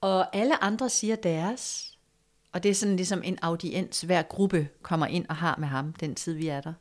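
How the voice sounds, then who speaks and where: Soft-spoken woman telling a personal story. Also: fairly low pitch. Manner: reflective, hesitant with fillers, drops to soft near-whisper at moments. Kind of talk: casual conversational storytelling.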